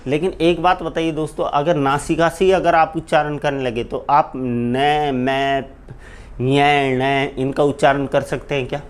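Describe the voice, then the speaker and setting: Higher-voiced man teaching Hindi grammar. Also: fairly even intonation, unhurried, smooth. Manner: asks questions and answers them himself; keeps repeating "friends" to address students. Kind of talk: live online exam-prep lecture.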